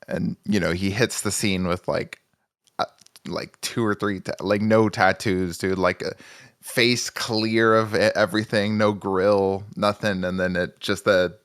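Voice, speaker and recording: A man's voice: sits low, a bit bright, clean tone, no echo, clean studio sound. A man co-hosting a music podcast in casual chat, joking and self-mocking, rambling with restarts. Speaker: podcast co-host.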